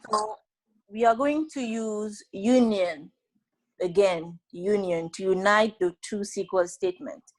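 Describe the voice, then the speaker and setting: A woman's voice: mid-range voice, unhurried, a little mellow, rough recording. A woman walking classmates through a database exercise step by step, checking in with them often and correcting them bluntly. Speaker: student tutor leading a database class session.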